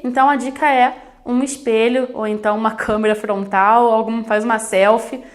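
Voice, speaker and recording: Brazilian woman teacher, fairly high voice, explaining sign language to camera in a studio. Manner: explanatory, direct to camera, addresses students. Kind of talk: recorded video lesson. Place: studio with plain backdrop. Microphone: camera-facing studio recording.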